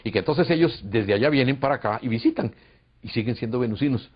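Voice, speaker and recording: This man's medium-pitched, expressive voice moves at a quick pace, carrying a Costa Rican Spanish accent. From Costa Rica, he is a UFO contactee in a recorded interview, earnestly relating a long story with hesitations over a dull lo-fi recording.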